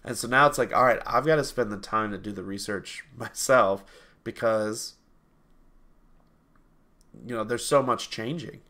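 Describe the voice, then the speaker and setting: With a lowish, sharp-toned voice, a game reviewer co-host in his thirties speaks unhurriedly and pauses often. He's on a video call via headset from a small room at home, sniffly from allergies, casually rambling, frequently doubling back to fix his words and laughing easily between points.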